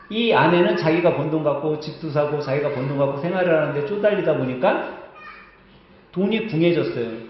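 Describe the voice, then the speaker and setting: A male pastor preaching a sermon in a church sanctuary, telling a story in a conversational way and asking the congregation questions. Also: on the high side. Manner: acts out quoted lines in other voices. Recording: heavy echo, dull muffled sound, church hall.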